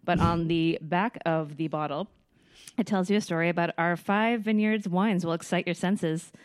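A woman's voice: fairly low pitch, steady tone, normal speed, dry recording, studio quality. A woman co-hosting a casual podcast, giggly and joking as she reads a wine label aloud, a little sick with an occasional cough. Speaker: podcast co-host. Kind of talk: casual chat.

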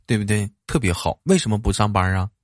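A man with a Northeastern Mandarin accent hosts a casual livestream, teasing his guest and leaning hard on stressed words. His pitch swings widely as he jokes. The sound is dry and close. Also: lively intonation, fast talker, no room sound. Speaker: livestream host. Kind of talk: joking casual chat.

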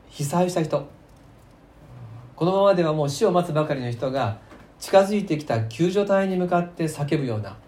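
A man's voice: a little high, echoey room. Emphatic male pastor preaching. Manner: emphatic storytelling with sudden loud and soft swings; asks the congregation rhetorical questions. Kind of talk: sermon.

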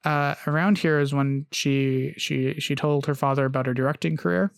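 Man, podcast host, gravelly, slightly high voice, halting delivery, reads quotes aloud. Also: fairly even intonation, no echo, clean studio sound. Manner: hesitant, frequent "uh" and restarts, reads long quotes aloud. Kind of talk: casual storytelling podcast.

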